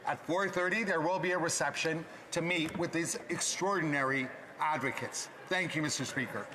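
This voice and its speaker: A man's voice: a little high, normal speed, crowd noise. A man giving a formal prepared political statement as a member of parliament. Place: legislative chamber. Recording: faint chamber background noise.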